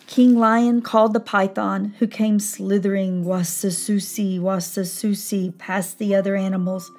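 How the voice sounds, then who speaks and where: A woman narrating a children's storybook read-aloud in a lively, animated manner. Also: medium pitch, normal speed. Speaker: storybook reader.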